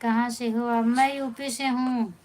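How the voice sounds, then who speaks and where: This live-stream host and folk singer from Pratapgarh in Uttar Pradesh, India, chats casually, welcoming viewers by name and patiently answering the comments she reads out. She speaks unhurriedly in a somewhat high, slightly mellow voice with a level tone. The audio is poor, with a bit of hiss or hum.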